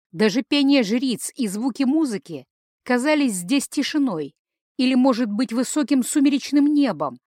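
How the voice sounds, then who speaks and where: Calm woman narrating an audiobook, dry close sound. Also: on the high side, dry recording. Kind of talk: scripted narration.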